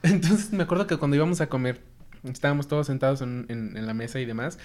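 A man's voice: mid-range voice, fast talker. A man from Mexico, hosting a casual chat and telling anecdotes with lots of laughter. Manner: animated storyteller, laughs often, acts out voices in anecdotes. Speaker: podcast host.

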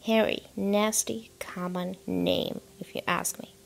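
A snappish, disapproving middle-aged housewife, in a whispered role-play, as a woman reads her. Her words come out short and cold, with a gravelly undertone and a slow pace. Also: mid-range voice, steady tone, soft background music. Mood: scornful. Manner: curt, snappish.

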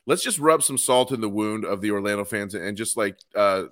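A man's voice: on the low side, expressive, fairly quick, fairly bright tone, dry recording, studio quality. A man co-hosting a casual sports podcast, chatty and enthusiastic as he reads out fan replies. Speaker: podcast co-host. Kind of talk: casual chat.

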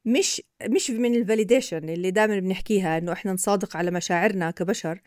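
Levantine lady breaking it down for the host, talks super quick, dry close sound. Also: mid-range voice, darkish tone, no room sound. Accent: Levantine Arabic. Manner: patient, explaining with examples. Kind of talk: explanatory podcast talk.

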